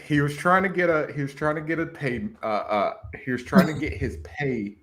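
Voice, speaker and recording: A man's voice: fairly high pitch, lively intonation, normal speed, fairly bright tone. A man hosting a casual chat, putting questions to his guest with a chuckle. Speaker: host.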